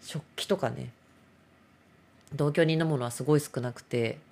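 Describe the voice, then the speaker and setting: A woman's voice: very deep voice, moderate pace, gravelly, darkish tone. A middle-aged woman hosts a casual solo talk show, rambling and self-mocking.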